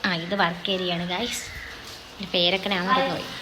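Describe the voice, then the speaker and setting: A woman's voice: on the low side, brisk, sharp tone, a little hiss or hum, poor audio. A young woman, chatting casually as she gives a home tour and keeps calling out to her viewers. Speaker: vlogger giving a home tour.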